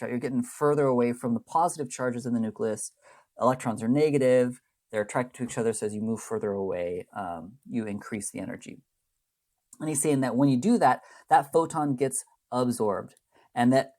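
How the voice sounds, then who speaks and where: A man's voice: mid-range voice, a little mellow. A man teaching chemistry in a recorded lecture, talking through slides in a loose, rambling way, often checking in with a tag question and correcting himself mid-sentence. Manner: plays down the math. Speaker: chemistry instructor.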